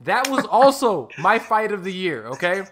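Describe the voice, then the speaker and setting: A fairly high-voiced man hosting a fight podcast with a loose, profane energy. He swears freely and laughs easily as he talks through the year's fights. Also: moderate pace, background noise. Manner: profane, excitable, laughs often. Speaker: podcast host. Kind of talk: casual roundtable chat. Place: home podcast setup.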